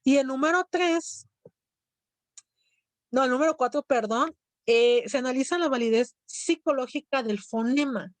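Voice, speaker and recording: A woman's voice: sits high, unhurried, long pauses, no echo. A woman teacher with a Mexican accent lecturing a class, explaining step by step and often checking in with her students. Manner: explanatory, asks students questions.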